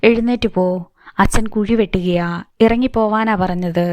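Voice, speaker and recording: A woman's voice: mid-range voice, fairly even intonation, moderate pace, a little mellow, no echo, dull audio, close to an everyday voice. A woman voicing a desperate young woman, the eldest sister, speaking urgently in a story. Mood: frantic.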